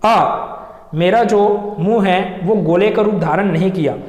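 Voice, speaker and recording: Young male teacher, high voice, asks and answers his own questions, echoey classroom with long reverb. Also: slow, darkish tone. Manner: asks questions then answers them himself, stretches sounds to demonstrate. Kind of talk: explaining a lesson to students.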